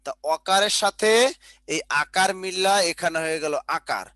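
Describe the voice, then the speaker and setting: Bright high-voiced male teacher quizzing students. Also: moderate pace, no echo. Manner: explanatory, asks students questions then answers them. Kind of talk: online Bengali grammar lesson. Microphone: video call.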